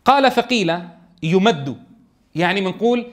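A man's voice: high-pitched, animated, normal speed. A man teaching a tajweed lesson in a classroom, keeps asking his students questions and answering them himself. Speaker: Quran recitation teacher.

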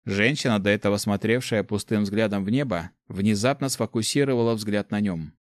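A man narrating a fantasy audiobook in a measured, even reading. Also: fairly low pitch, no room sound, clean studio sound.

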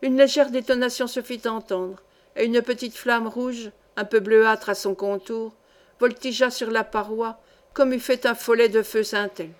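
A woman reading a classic adventure novel aloud as an audiobook, measured and clear. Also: on the high side, steady tone. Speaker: audiobook reader. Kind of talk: scripted novel narration.

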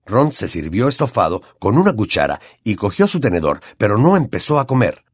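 A man with a Latin American Spanish accent narrating an audiobook in an expressive storytelling way. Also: fairly low pitch, a little fast, breathy edge, no echo, clean studio sound.

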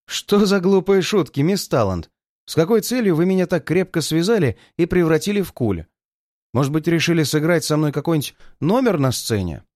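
A man's voice: a little high, big pitch swings, moderate pace, a little mellow, no room sound, clean studio sound. A man voicing a bold young male detective who mocks his captor with sarcasm. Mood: sarcastic. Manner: sarcastic, laughing. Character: cocky young male detective, mocking and unafraid.

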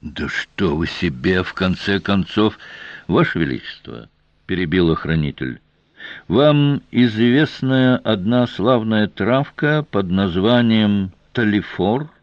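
A man voicing a shrewd male royal guardian who speaks with measured, elaborate politeness, in a dry, slightly dull audiobook recording. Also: lowish voice, expressive, dry recording. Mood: warning.

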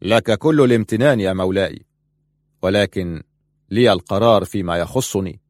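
A man's voice: fairly low pitch, normal speed, darkish tone, no echo, clean studio sound, natural voice. A man voicing a defiant young man who speaks firmly to protect his family. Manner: firm and resolute.

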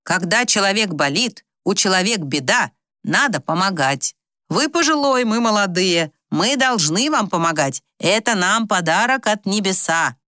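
A man's voice: high-pitched, lively intonation, moderate pace, bright, forceful tone, dry recording, clean studio sound. A woman voicing eager young village men who speak broken Russian. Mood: earnest. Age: young adult.

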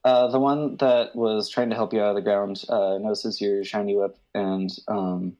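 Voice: low voice, steady tone, moderate pace, warm tone, lo-fi sound. A game master casually narrating a tabletop game in a joking, informal way.

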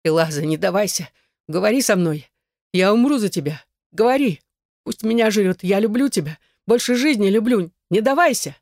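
A reader doing a trapped young man in an audiobook, pitched above the narration and strained as he cries out. The sound is close and dry. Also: fairly even intonation, slow, long pauses, dry recording, natural voice. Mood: desperate. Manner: strained, crying out. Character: desperate young man, bound captive. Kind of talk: audiobook reading.

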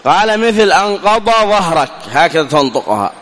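A man teaching Quranic recitation rules, who asks and answers his own questions and slows right down to recite the example words. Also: high voice, sing-song, fairly bright tone, big-room sound. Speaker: tajweed teacher. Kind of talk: recorded lesson explaining a poem.

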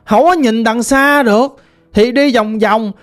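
A woman voicing the vengeful ghost of a murdered teenage girl, pleading slowly in a Southern Vietnamese accent. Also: a little high, close to an everyday voice. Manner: pleading, slow and plaintive.

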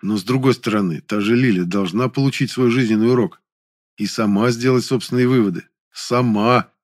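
Man narrating an audiobook, even and weary. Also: mid-range voice, dry recording, clean studio sound. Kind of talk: first-person audiobook narration.

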